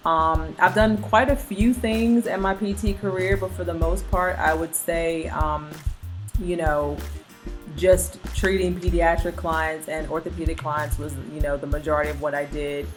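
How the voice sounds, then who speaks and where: A middle-aged woman from Virginia speaks in an unusually low voice, relaxed and chatty, with plenty of fillers. Faint music sits in the background. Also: moderate pace. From Virginia, USA. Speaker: physical therapist turned travel business co-owner. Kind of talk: casual conversational storytelling.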